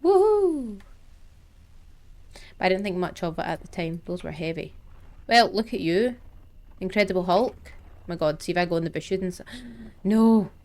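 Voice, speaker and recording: A woman's voice: lowish voice, normal speed, pauses often, darkish tone. A young woman streaming herself playing a horror game, chattering nervously to herself with yelps and gasps. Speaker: gaming streamer. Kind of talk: horror game let's play commentary.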